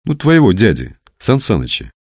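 A man's voice: fairly low pitch, huge pitch swings, moderate pace, dry recording, studio quality, heavily acted. A man voicing a curious, bickering young man in an audiobook, wry and sometimes indignant.

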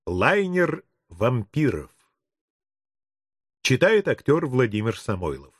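Expressive male audiobook narrator. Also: mid-range voice, husky, no echo, clean studio sound. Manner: expressive, measured reading.

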